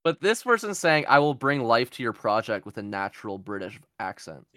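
A man hosting a podcast in casual chat, joking around and reading things aloud with quick asides. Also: mid-range voice, very animated, fairly bright tone, no room sound, clean studio sound. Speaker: podcast host.

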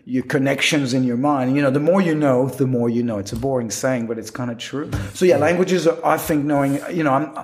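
A middle-aged professional magician from Quebec, Canada, appears as a guest in an interview, speaking with a French accent and rambling casually with many restarts and fillers. His medium-pitched, slightly mellow voice moves fairly quickly with hardly any pauses, over slight background noise.

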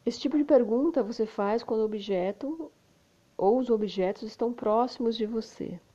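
A woman with a Brazilian Portuguese accent, a native Portuguese speaker, teaching English and slowly repeating example phrases, often adding "né?". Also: on the high side, warm tone, lo-fi sound. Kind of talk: slow explanatory lesson.

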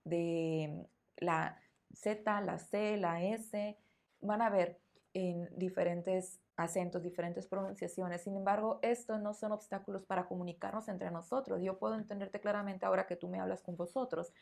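A woman's voice: medium pitch, fairly even intonation, moderate pace, vocal fry, darkish tone. Mexican woman explaining in easy conversation. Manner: explanatory, thoughtful, repeats words while searching. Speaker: Spanish teacher, podcast host. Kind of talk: conversational podcast interview.

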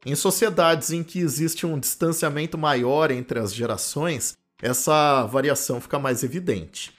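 A man's voice: fairly high pitch, a little slow, fairly bright tone, soft background music. A man from the interior of São Paulo with a Campinas accent and retroflex caipira R, a linguistics professor explaining ideas in a podcast lecture recorded in his home office, often adding "né?" tags. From Campinas, interior of São Paulo state, Brazil.

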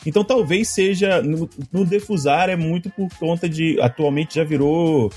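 A man's voice: fairly high pitch, moderate pace, a little mellow, breathy edge, faint music behind. A Brazilian Portuguese-speaking man co-hosting a podcast in casual chat, rambling with lots of fillers. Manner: rambling storyteller, frequent fillers. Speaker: podcast co-host.

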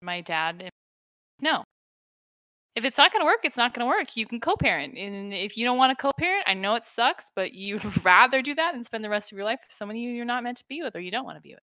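A woman chatting freely as a podcast guest, her voice bright and forward as it comes through an online voice call. The call audio is dull and lo-fi, with no room sound at all. She talks loosely and drops "like" into almost every thought. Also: a little high, very animated, fast talker, dry recording. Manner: chatty, fills her talk with "like". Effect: voice heard over an online voice call. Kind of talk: casual chat. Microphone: computer mic on a voice call.

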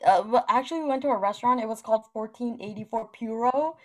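A young woman with a slightly high voice talks fast while co-hosting a casual chat. She's colloquial and giggly, filling her speech with lots of "like."

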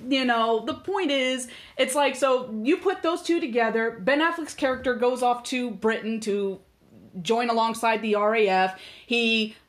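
Her voice sits on the high side and moves a little slowly. As a podcast co-host she chats casually, wandering off track with many fillers and restarts.

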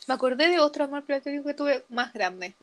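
A young woman with a Chilean accent chatting casually as a podcast co-host, telling self-deprecating stories in a relaxed way. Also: sits high, fairly quick, dry recording. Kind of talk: casual chat.

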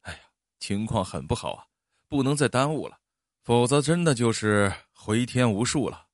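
A man's voice: medium pitch, lively intonation, normal speed, no echo, studio quality, natural voice. A man voicing an anxious, urgent woman doctor in a told story. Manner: urgent, pleading.

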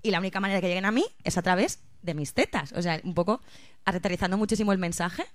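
A woman's voice: on the low side, quick pace, dry recording, studio quality. A woman co-hosting a casual podcast chat, thinking aloud with frequent restarts and hesitations. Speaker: podcast co-host.

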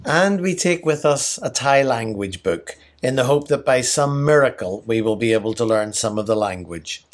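A middle-aged man from Ireland, a mission leader, reading a devotional message in a measured, prayerful way. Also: medium pitch, lively intonation.

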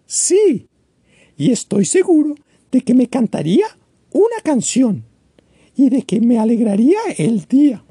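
A man's voice: very high-pitched, big pitch swings, unhurried, warm tone, slightly rough, dry recording, studio quality, voice pushed up, full character voice. A man reading a storybook aloud, voicing a tiny lonely little bird who pleads and sobs. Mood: eager. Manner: pleading, sobbing. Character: tiny lonely yellow bird chick, tearful.

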